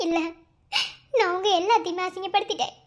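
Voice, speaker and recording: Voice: steady tone, quick pace. A voice actor playing a young village woman in a cartoon, pleading through tears in a Madurai Tamil accent. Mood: tearful. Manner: tearful, pleading, high and thin. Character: young village woman begging to wed her love. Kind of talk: cartoon voice acting.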